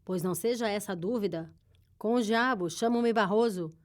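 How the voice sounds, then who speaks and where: Brash male rider, blustering and loud; read by a woman narrator. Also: medium pitch, moderate pace, natural voice. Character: brash, defensive male rider on a scheming errand.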